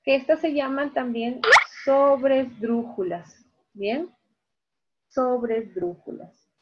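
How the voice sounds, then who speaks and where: A woman teacher giving an online lesson, talking slowly and repeating key words syllable by syllable. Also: high-pitched, heavy background noise. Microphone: video call. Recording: dull video-call audio.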